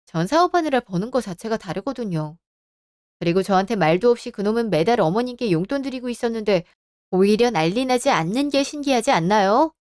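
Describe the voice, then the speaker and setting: Woman in her 30s doing a radio drama, cool and cutting, pretty high voice, dry close mic. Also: expressive, a little fast, darkish tone, dry recording. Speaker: narrator and lead of a story drama. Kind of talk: radio drama narration and acting.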